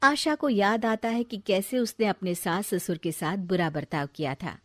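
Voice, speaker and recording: A woman narrating a children's cartoon story in a steady storytelling manner. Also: mid-range voice, moderate pace, dry recording, clean studio sound.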